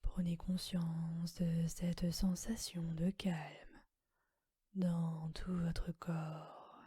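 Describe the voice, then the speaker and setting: Slow whispering woman, breathy and dark. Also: fairly low pitch, no room sound, studio quality. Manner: soft unvoiced whisper, slow and calm. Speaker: meditation guide. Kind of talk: whispered guided relaxation.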